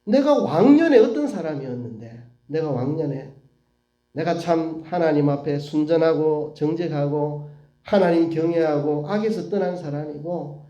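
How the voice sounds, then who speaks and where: A man's voice: fairly high pitch, lively intonation, moderate pace, mellow, dull audio, natural voice. Brief: indignant, insult-hurling old man, read by a man, echoey sanctuary sound. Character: aggrieved, furious righteous old man.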